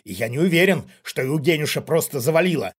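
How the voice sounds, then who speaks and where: A man voicing a frightened, angry middle-aged father who shouts back in defiance. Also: fairly high pitch, lively intonation, quick pace, husky. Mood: shouting.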